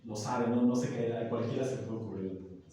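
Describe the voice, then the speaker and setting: A man's voice: medium pitch, fairly quick, dark tone. A male teacher, patiently explaining grammar to a class, with many examples and frequent checks that students follow. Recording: echoey classroom, from far off.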